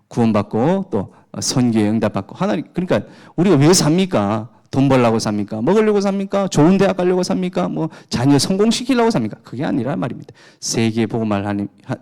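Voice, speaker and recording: A man's voice: mid-range voice, darkish tone. A man preaching a sermon as pastor. He fires off rhetorical questions with emphatic rises and drops in chatty asides about his home life.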